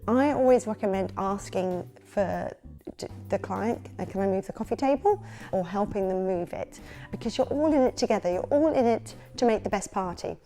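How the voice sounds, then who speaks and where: A woman's voice: medium pitch, moderate pace, mellow, faint music behind. A woman with a London accent, a children's party entertainer giving candid, chatty practical tips in a casual advice vlog. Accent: London English.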